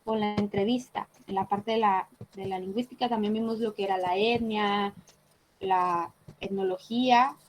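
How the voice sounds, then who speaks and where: A woman's voice: medium pitch, fairly even intonation, moderate pace, a little hiss or hum, low-quality recording. A woman teaching an online class, explaining patiently and checking in with short tag questions. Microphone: computer mic on a video call.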